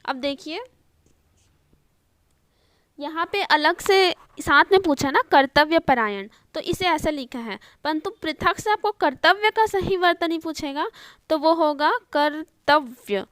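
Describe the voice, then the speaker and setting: With a high, animated, slightly bright voice, a woman leads an online spelling lesson at a measured pace. She explains step by step, repeats each word, and checks frequently with "okay?" and "ठीक है". The sound is clean studio quality with no echo.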